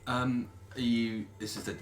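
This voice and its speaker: A man chatting casually as a player in a tabletop game, wry, wordy and a little halting. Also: medium pitch, steady tone, a little hiss or hum.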